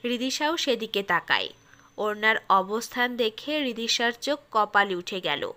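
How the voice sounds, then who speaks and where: Woman narrating a story in a fairly high voice. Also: animated, unhurried, sharp tone.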